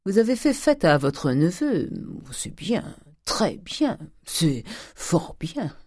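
A man doing a domineering old miser in a classic story, curt and dry. The tone is dark and mellow, close and dead. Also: high-pitched, very animated, slow pace, dry recording, voice pushed up, exaggerated voice. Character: stingy, domineering old cooper.

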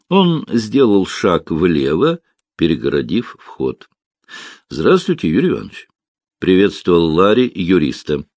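A male audiobook narrator with a low voice and an expressive reading. His intonation moves freely, and the recording is dry and close. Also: dry recording. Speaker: audiobook reader.

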